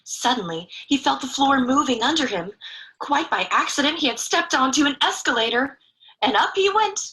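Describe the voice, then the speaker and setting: A woman's voice: high voice, animated, normal speed, bright, forceful tone, low-quality recording. A woman reading a picture book aloud expressively to children, in a chatty way with young listeners. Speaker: children's story reader.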